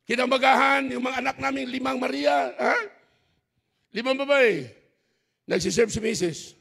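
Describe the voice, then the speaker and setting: A middle-aged man preaching a storytelling sermon at a church graduation service, animated and laughing, shouting for emphasis. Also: extremely high pitch, moderate pace, vocal fry, slightly rough. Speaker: pastor.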